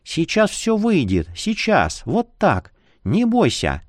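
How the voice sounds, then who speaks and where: A man voicing a gentle young woman healer in a soft, raised voice. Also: huge pitch swings, slow, no echo, studio quality, full character voice. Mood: soothing. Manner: soft, high, soothing.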